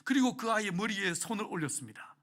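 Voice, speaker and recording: High bright-voiced male pastor preaching. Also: lively intonation, fast talker. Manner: emotional storytelling that acts out prayers and asks the congregation questions. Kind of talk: sermon.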